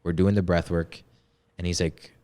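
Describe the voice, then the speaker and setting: A man's voice: low voice, level tone, normal speed, warm tone, clean tone. A man in his twenties, a podcast guest, telling a personal story in a candid, slangy way, full of "yo" and "bro". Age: 20s. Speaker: podcast guest, men's coach. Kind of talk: casual storytelling.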